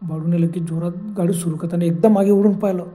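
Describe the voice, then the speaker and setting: Dark-voiced male horror storyteller. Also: high-pitched, fairly even intonation, quick pace. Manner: dramatic, suspenseful telling.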